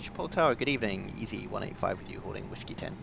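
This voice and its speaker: Guy doing pilot radio calls on a headset, low voice, loud hum behind. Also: lively intonation, racing, creaky. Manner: clipped radio phraseology. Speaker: flight sim streamer playing pilot.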